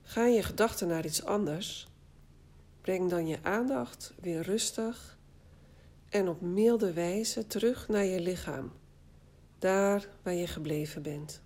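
A woman guiding a body scan relaxation exercise, speaking calmly and soothingly in short phrases with long pauses. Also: lowish voice. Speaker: guided meditation instructor.

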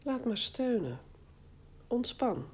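A woman guiding a body scan relaxation exercise, speaking calmly and soothingly in short phrases with long pauses. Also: on the high side, a little hiss or hum. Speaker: guided meditation instructor.

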